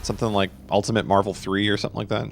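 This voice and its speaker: A man's voice: on the low side, level tone, rapid-fire, vocal fry, a little hiss or hum. A man casually chatting with his viewers and answering their questions while he plays a game on a live stream. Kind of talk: live gameplay stream commentary.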